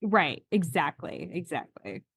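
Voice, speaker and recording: A woman co-hosting a chatty podcast, animated and quick to laugh, with teasing, mocking asides. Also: low voice, slightly rough, no echo, clean studio sound. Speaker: podcast co-host. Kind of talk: casual chat.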